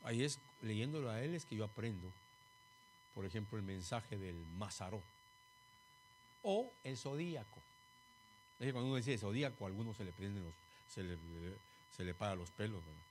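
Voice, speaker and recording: A man preaching a sermon, animated, calling the congregation "brother" and joking about himself. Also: lowish voice, moderate pace, pauses often, a little hiss or hum.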